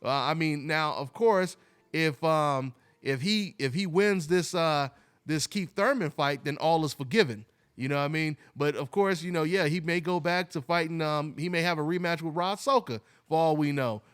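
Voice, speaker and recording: A man's voice: a little high, moderate pace, fairly bright tone, clean tone. A man hosting a call-in boxing show, talking loosely and rambling with many "you know, man" fillers. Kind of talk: casual call-in radio talk.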